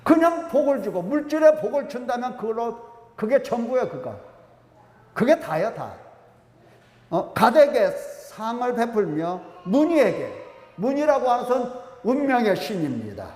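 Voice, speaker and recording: A man's voice: very high-pitched, big pitch swings, moderate pace, a little mellow, reverberant, big-room sound. A male pastor preaching a sermon with emphasis, often asking the congregation questions. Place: church sanctuary.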